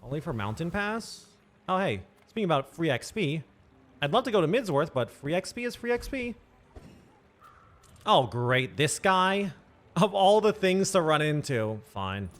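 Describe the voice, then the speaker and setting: Man muttering through a game, lively pitch. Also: a little slow, a little hiss or hum. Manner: thinking aloud, muttering asides. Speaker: streamer. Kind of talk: casual gameplay commentary. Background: faint game music.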